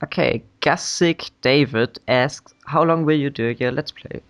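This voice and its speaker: A man's voice: a little high, measured pace, clean tone. A man hosting an interview, reading out viewer questions and stumbling over usernames. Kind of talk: livestream interview. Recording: dull lo-fi audio.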